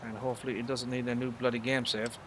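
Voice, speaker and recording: A man's voice: mid-range voice, level tone, fast talker, fairly bright tone, a little hiss or hum. Chatty Irish man streaming a game. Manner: chatty, rambling, drops mild swears and fillers. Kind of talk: casual live-stream chat while gaming.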